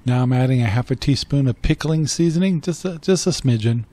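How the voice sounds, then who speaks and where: A man's voice: mid-range voice, brisk, dark tone, a little hiss or hum. An older man giving a plain, step-by-step voice-over for a home cooking video, matter-of-fact in tone. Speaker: cooking channel host. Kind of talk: voice-over narration.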